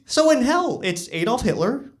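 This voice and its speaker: A man doing an animated, rambling stand-up comedy set in a club. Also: very high voice, normal speed. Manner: animated, rambling, self-interrupting.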